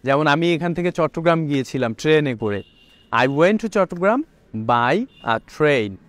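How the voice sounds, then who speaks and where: Guy doing an english lesson, kinda high voice, dead dry sound. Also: lively intonation, no room sound. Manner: explains slowly, repeats points, asks then answers himself. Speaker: English teacher. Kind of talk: video lesson explaining English words in Bengali.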